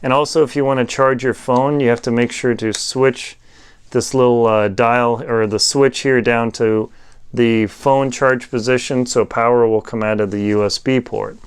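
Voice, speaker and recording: Thinking out loud as he shows off a product, a man delivers an unscripted, casual review with plenty of hesitation. His mid-range voice is steady and smooth.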